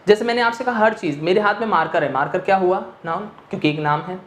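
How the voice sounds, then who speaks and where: In an echoey teaching room with a board, a man with a high-pitched voice talks quickly as he lectures an online English class. He poses questions and answers them himself, weaving English phrases into his explanation.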